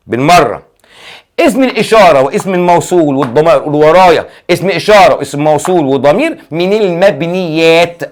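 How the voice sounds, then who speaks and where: Egyptian male teacher with lively intonation. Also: high voice. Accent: Egyptian Arabic. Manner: quizzes aloud and answers his own questions. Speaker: Arabic grammar teacher. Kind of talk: classroom grammar lesson.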